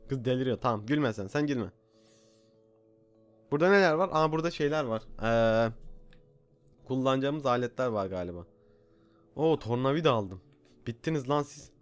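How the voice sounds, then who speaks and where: Joking young man over faint game music. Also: mid-range voice. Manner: joking, jumpy, talks to game characters. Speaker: gaming YouTuber. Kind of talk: gameplay commentary.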